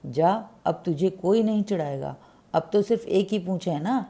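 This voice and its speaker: A woman voicing a practical mother mouse in a children's story, matter-of-fact and scolding, with a gravelly, dark tone. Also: fairly low pitch, expressive, moderate pace. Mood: brisk.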